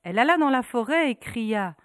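A woman narrating a folk tale in a rhythmic, repetitive storytelling manner with dramatic pauses. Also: on the high side, lively intonation, no echo, clean studio sound.

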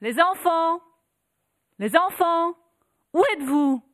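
A woman acting out a frantic mother calling for her missing children. The voice leaps very high and rings out loudly. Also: expressive, slow, no echo, clean studio sound, full character voice. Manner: shrill, calling out.

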